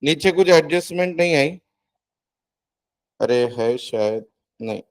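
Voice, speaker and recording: Man, accounting tutor, fairly high voice, quizzing students. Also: expressive, measured pace. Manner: coaxing, addresses students as beta, quizzes them. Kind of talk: classroom teaching.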